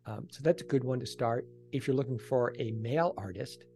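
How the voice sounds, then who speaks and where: A man who is an ASMR creator and author appears as a guest in a conversational podcast interview. His average-pitched voice has a noticeable creak and a warm tone, and he speaks briskly while clear music plays alongside him.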